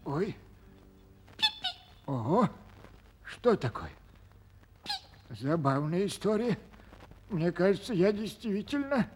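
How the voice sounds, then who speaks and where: Police clerk: grumbling daydreamer, theatrical muttering, highish, very animated, radio fairy-tale style. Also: male voice, takes it slowly, long pauses, noisy background. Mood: puzzled. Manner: theatrical muttering to himself, exclamatory. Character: grumbling, dreamy police clerk longing to be poet.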